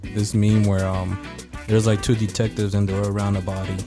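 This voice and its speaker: A man's voice: lowish voice, flat delivery, normal speed, music in the background. A man of about thirty co-hosting a casual podcast, trading jokey, slangy banter. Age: around 30. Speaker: podcast co-host.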